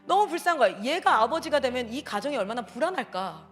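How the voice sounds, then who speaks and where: A woman's voice: high-pitched, fast talker, soft background music. A woman missionary giving a church parenting seminar talk, telling stories in an emphatic, exclamatory way. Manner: emphatic, animated storytelling with frequent exclamations. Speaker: missionary speaker.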